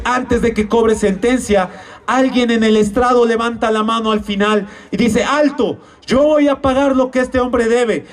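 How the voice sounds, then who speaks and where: A man's voice: very high voice, recorded from a distance. A man preaching an evangelistic sermon in a church, posing rhetorical questions and calling his listeners brothers and sisters.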